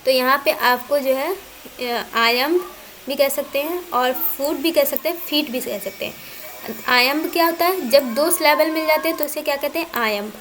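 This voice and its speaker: High-voiced woman teaching poetry basics. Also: normal speed, fairly bright tone, slight background noise. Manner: repeats terms, spells words out letter by letter; asks questions then answers them. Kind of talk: exam-prep lecture.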